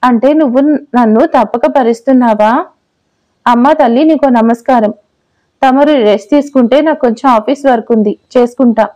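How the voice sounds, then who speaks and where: A woman's voice: on the high side, steady tone, a little fast, a little mellow, natural voice. Woman voicing a teasing young husband. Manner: playful then exasperated bickering. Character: young husband, teasing, patient office worker. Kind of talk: audio story dialogue.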